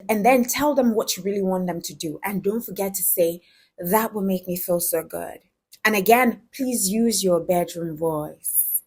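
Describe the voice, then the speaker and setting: A woman's voice: medium pitch, a little mellow, slightly rough. A woman talking frankly and directly to her viewers, giving relationship advice in a conversational way. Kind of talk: direct-to-camera advice talk.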